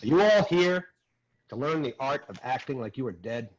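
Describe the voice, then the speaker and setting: A man's voice: medium pitch, normal speed, muffled recording, lightly acted. A man playing a brash, crude acting teacher. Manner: crude, animated, swings between mutter and loud outbursts. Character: brash crude male acting teacher, former dead extra. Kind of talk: comic stage monologue.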